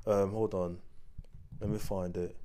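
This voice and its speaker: A young British man talks in a London roadman style. His voice sits a little low. He chats casually, peppering his phrases with street slang. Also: little pitch movement, a little slow, mellow, clear, resonant tone. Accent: urban British, London roadman style. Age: young adult. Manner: slangy roadman talk, tagging phrases with fam. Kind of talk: casual chat about UK rap, street slang.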